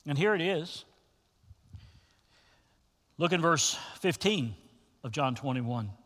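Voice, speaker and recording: A man preaching a sermon to his congregation as pastor, telling the story with animated, folksy asides. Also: a little high, slow pace, big-room sound.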